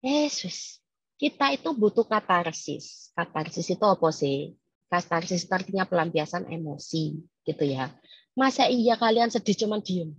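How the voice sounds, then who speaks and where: Woman, webinar speaker, lively and teasing, slightly husky, dry, somewhat dull audio. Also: fairly low pitch, moderate pace, dry recording. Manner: lively, teasing, quizzes the audience. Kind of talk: casual talk to staff.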